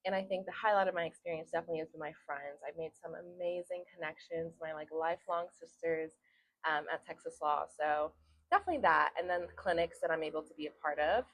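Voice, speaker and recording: Young woman law student chatting casually, kinda low voice, lots of ums and laughs. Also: quick pace, a bit bright, low-quality recording. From Hungary. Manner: chatty, laughs often, many fillers. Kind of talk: casual interview talk.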